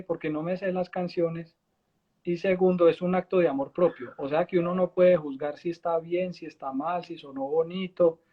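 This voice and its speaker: A man's voice: high voice, lo-fi sound. A man, a spiritual guide and musician, telling stories in conversation and acting out what he said back then. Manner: animated storyteller, acts out his own past dialogue. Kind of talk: storytelling in a conversation.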